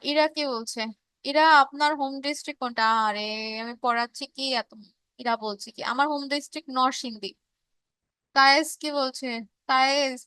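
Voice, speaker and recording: A woman with a high, bright voice and a Bangladeshi Bengali accent teaches a live online revision class. She explains step by step, pausing on fillers and restarts, and reads students' chat messages aloud. The recording is close and dry, with no room sound. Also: no echo.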